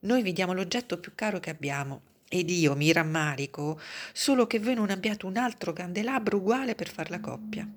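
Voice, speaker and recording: A woman reading the lines of an earnest young man who pleads fervently about art, in a low, husky voice. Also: animated, moderate pace.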